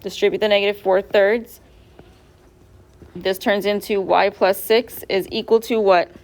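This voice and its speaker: A woman's voice: medium pitch, level tone, a little slow, darkish tone. A woman teacher going over quiz answers step by step in a classroom, asking her students questions as she goes. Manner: patient, step-by-step, quizzes students. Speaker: math teacher.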